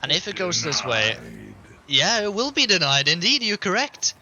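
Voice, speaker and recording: Brief: male caster, bright and keen, fast game calls. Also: sits high. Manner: quick, excited play-by-play, laughs easily. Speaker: esports caster. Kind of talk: play-by-play commentary.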